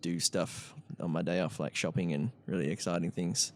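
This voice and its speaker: A man co-hosting a casual podcast, easygoing and a little halting, with a self-deprecating streak. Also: low-pitched, steady tone, slight background noise. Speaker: podcast co-host. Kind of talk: casual chat.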